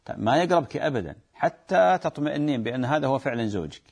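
A man, a sheikh reading listeners' questions and giving measured religious advice, turning emphatic when he warns. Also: medium pitch, vocal fry, breathy edge. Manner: calm, measured, advising, grows emphatic when warning. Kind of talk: reading and answering fatwa questions.

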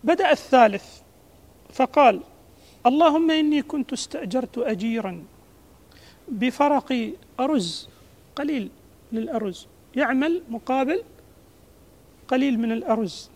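A woman's voice: high-pitched, normal speed, long pauses. A woman giving a religious lesson, retelling an old story, acting out the characters' words and explaining them in dialect. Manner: lively, acts out the characters' speech and explains in dialect. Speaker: religious teacher.

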